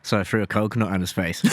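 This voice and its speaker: A man co-hosting a casual podcast, jokey and quick to laugh, swearing freely. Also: on the low side, slight background noise. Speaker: podcast co-host. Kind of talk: casual chat.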